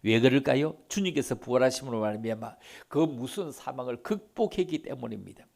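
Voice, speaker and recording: Korean-style church preacher guy, gravelly voice, pitch jumps all over, gets loud then drops to a whisper, repeats himself for effect. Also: lively intonation, fairly quick. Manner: dramatic, swings from loud preaching to near whispers; acts out quoted voices and repeats key phrases. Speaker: pastor. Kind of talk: Easter sermon. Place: church sanctuary.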